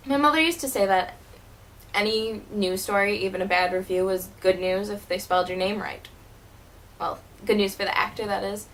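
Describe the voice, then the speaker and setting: A woman playing a wounded, wry teenage girl who was once a child stage performer, delivering a dramatic monologue in a bitter, halting way. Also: mid-range voice, natural voice, low-quality recording. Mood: hurt, bitter. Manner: bitter, hurt, halting with repeated words.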